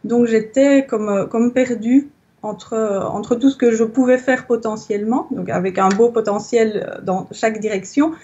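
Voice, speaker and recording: Here a Belgian woman in her thirties who teaches yoga reflects on her experience in an interview testimonial, hunting for words along the way. Her voice is a little high yet dark in tone, with fairly even intonation at normal speed. The recording is muffled, with a little hiss or hum.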